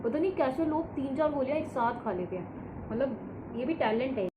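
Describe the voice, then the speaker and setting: A woman's voice: sits high, lively intonation, fairly quick. Chatty feverish woman vlogging at home. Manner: chatty, addresses viewers directly. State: sick with fever. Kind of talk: casual vlog chat to camera. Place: at home, indoors. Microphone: camera set in front of her. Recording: echoey room, dull and noisy.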